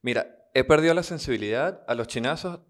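A man from Venezuela with a Venezuelan accent, co-hosting a casual podcast and teasing his partner with quick jokes. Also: mid-range voice, lively intonation. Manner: joking, teasing, quick asides. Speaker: podcast co-host, comedian.

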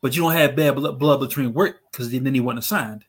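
A man joining a casual wrestling chat with quick, excitable asides. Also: mid-range voice, slightly rough.

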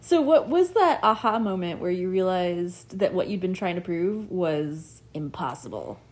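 A woman's voice: on the low side, expressive, unhurried. A woman hosting a radio interview, asking eager, curious questions in a casual way.

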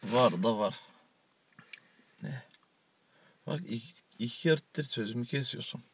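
A man's voice: mid-range voice, a little slow, slight background noise. A man co-hosting a casual, joking chat show, rambling and laughing often. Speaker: co-host.

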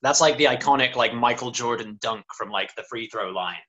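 A man's voice: mid-range voice, fairly quick, bright, forceful tone, poor audio. Male co-host, playful teasing questioner, mid-range voice. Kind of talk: casual football chat.

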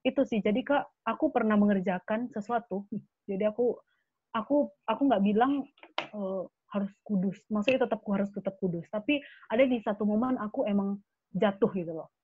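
A young adult woman speaking as a guest in an earnest, animated casual chat with many fillers. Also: mid-range voice, a little fast, breathy edge. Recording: tinny phone-like line.

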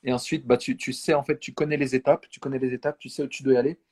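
A man from France chatting casually, halting and repeating words as he searches for the right phrasing. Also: medium pitch, fairly even intonation, darkish tone, husky. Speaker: conversation partner. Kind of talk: casual multilingual chat.

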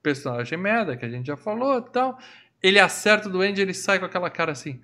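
A man's voice: sits high, lively intonation, quick pace, pushed and bright. A Brazilian man hosting a casual podcast chat, retelling film scenes with joking acted quotes. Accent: Brazilian Portuguese. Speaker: podcast host. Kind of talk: casual movie review chat.

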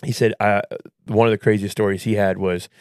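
A man rattles along at a quick clip in a fairly low voice, hosting a casual podcast with an earnest, preacherly edge. He often poses a question and answers it himself. The sound is dry and close. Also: flat delivery, a little mellow, dry recording. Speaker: podcast host. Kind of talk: casual faith-centered podcast chat.

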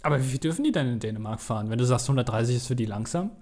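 A male podcast host with a relaxed, mellow tone and a medium-pitched voice. He chats casually and jokingly, rambling along and often restarting his words. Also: very fast.

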